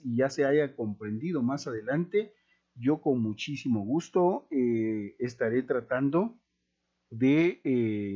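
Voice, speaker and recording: A man's voice: mid-range voice, mellow, muffled recording. A man teaching an accounting class, explaining step by step, repeating key points and asking himself questions. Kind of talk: slow, deliberate classroom explanation.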